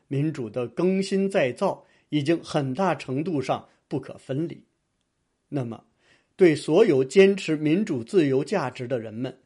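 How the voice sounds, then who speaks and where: A man giving a formal, measured reading of a scripted book review. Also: a little high, dark tone, slightly rough. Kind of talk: scripted narration.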